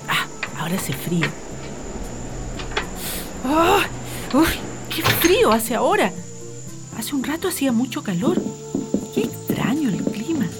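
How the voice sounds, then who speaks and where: A woman playing a curious, timid young girl in an audio drama, exclaiming and sighing in a wide-eyed manner. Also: on the high side.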